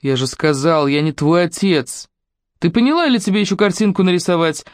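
A woman's voice: on the low side, a little fast, no echo, pitched above the performer's own voice, lightly acted. A woman reading the part of a cruel middle-aged stepfather in a storybook reading, his voice honeyed and coaxing with a threatening edge. The recording is close and dry, with no room sound. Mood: menacing. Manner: wheedling, honeyed voice turning to threatening shouts.

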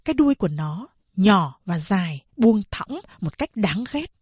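A woman narrating a novel as an audiobook in a steady storytelling manner. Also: medium pitch, normal speed, husky, dry recording.

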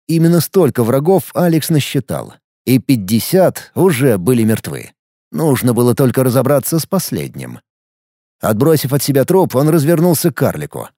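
A man narrating an audiobook with expressive storytelling and a lively, moving pitch. His voice is somewhat high with a gravelly edge. The recording is dry and close. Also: no room sound. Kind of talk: scripted narration.

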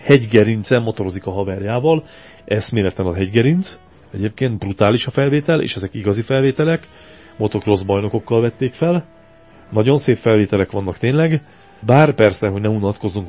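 A man co-hosting a loose radio show, ranting about a film with crude, sarcastic jokes. His voice sits on the low side. The sound is dull and lo-fi, like a compressed radio archive. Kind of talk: casual chat, film review.

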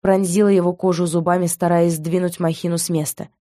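Woman audiobook narrator, low and mellow voice, dry close sound. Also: little pitch movement, brisk, no echo. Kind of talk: first-person scripted narration.

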